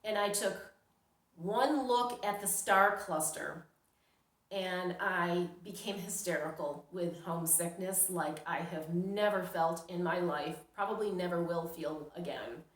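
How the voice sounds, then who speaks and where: In an echoing, roomy recording, a middle-aged storyteller and vlogger from New York, United States, recounts something that happened to her, casual but dramatic, playing out her own reactions. She speaks at a measured pace in a lowish voice.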